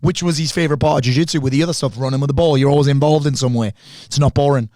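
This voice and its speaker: An animated middle-aged man telling stories in a relaxed podcast conversation, swearing freely. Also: medium pitch, very fast, dry recording, studio quality. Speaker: podcast guest. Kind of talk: casual conversation.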